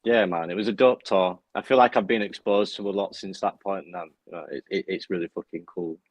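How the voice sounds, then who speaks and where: Young man, podcast guest, low voice, relaxed, friendly, dry recording. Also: brisk, no room sound, muffled recording. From United Kingdom. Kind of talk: casual interview chat.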